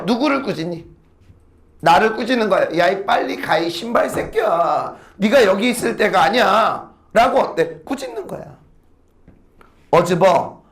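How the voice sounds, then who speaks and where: A man teaching classical poetry to a class, asking quick questions and answering them himself, with blunt slangy asides. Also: sits high. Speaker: Korean literature teacher. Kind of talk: lecture to students.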